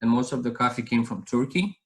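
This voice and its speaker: A man's voice: medium pitch, brisk, rough recording. A man in his thirties from Romania, speaking with a Romanian accent as an interview guest, telling his story earnestly in a rambling way with many restarts. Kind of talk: casual interview chat.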